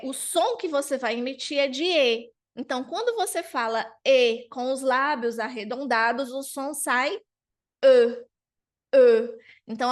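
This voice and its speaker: High-voiced woman teaching slowly. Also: fairly bright tone. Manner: explains patiently, checks in often with "tá?" and "tá bom?"; slowly drawn-out model pronunciations. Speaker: French teacher. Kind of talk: online language lesson.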